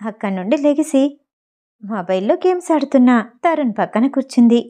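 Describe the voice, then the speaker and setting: A woman reading a romance audio novel in an even, scripted storytelling delivery. Her voice sits high, with a soft, mellow tone rather than a bright one. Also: a little fast. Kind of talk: scripted narration.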